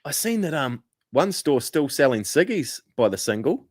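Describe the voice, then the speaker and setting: A man's voice: on the high side, sing-song, moderate pace, no echo, clean studio sound. A man co-hosting a podcast in casual chat, laid-back, laughing often and swearing casually. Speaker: podcast co-host.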